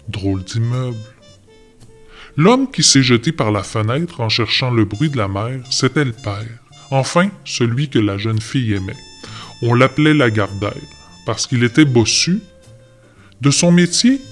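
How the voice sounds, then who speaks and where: A man recites a poetic tale in a wry, playful manner, his voice sitting in an ordinary middle pitch. A guitar plays faintly underneath the telling. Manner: wry, wordplay-laden telling. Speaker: narrator.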